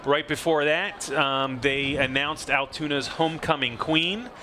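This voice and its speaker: Bright-voiced local football play-by-play man. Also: fairly high pitch, unhurried, slight background noise. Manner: conversational, many fillers. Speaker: play-by-play broadcaster. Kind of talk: local sports commentary.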